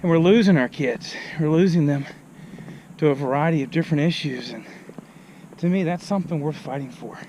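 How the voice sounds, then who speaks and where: Winded pastor walking uphill outdoors. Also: male voice, on the high side, fairly quick, darkish tone, a little hiss or hum. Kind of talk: casual vlog message while walking. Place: outdoors on a hill.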